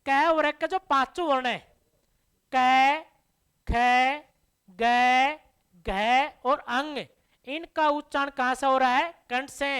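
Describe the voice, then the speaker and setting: A woman's voice: sits high, fairly even intonation, takes it slowly, long pauses, fairly bright tone, smooth. A woman teaching a classroom grammar lesson, asking the class questions and answering them herself to drill the terms. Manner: addresses listeners as dear children.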